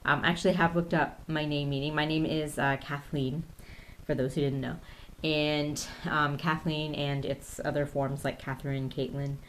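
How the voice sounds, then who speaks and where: A woman's voice: low-pitched, flat delivery, moderate pace, slight background noise. A woman in her thirties chatting casually through a tag video, hesitant and full of ums as she reads questions off her phone. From Canada. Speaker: YouTube vlogger.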